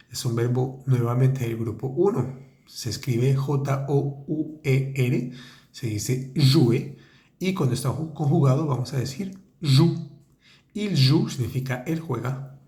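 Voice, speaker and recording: A man teaching French in a podcast lesson, explaining in Spanish and sounding out French phrases slowly and carefully. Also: medium pitch, warm tone, roomy sound. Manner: slow, careful, deliberate enunciation of French phrases.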